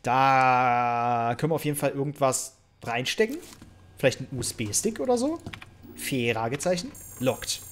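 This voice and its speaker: A woman with a German accent giving jokey, excitable commentary on a horror game, shrieking at scares and chatting to her viewers over a headset mic. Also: a bass voice, measured pace. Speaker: let's play host. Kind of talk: gaming commentary.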